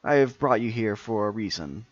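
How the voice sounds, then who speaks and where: A man playing a smug, commanding evil high priest in a tabletop game, monologuing in formal, grandiose language. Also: expressive, moderate pace. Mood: proud, grandiose. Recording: muffled, echoey room.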